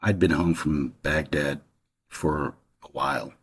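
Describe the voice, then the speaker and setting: A man's voice: rumbling low, steady tone, slow pace, breathy edge. A middle-aged man talking casually about his family history in a rambling way, with lots of fillers and restarts. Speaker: channel host. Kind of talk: casual personal monologue.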